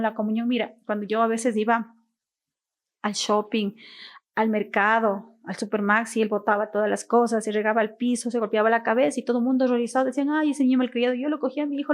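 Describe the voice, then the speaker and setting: A woman's voice: on the high side, flat delivery, fast talker. A woman guest, an author and mother, speaking earnestly and spiritually in an interview, telling stories with quoted speech. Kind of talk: heartfelt interview talk.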